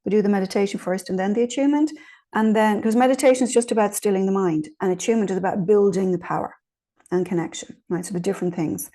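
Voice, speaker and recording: A woman with a dark tone and medium pitch talks at a quick pace while informally teaching meditation. She answers questions conversationally and encouragingly, checking in often along the way.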